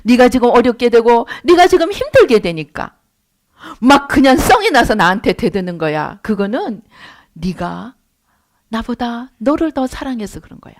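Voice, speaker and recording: Calm fatherly God, soft and measured, as a woman preacher puts him on, voice pitched a little lower than hers. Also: clean tone. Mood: gentle rebuke.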